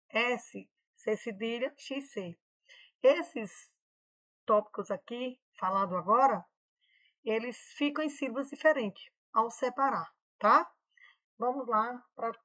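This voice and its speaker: A woman teaching a lesson, walking students through slides patiently and often pausing to check they follow. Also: on the high side, sharp tone. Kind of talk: classroom lesson explaining slides.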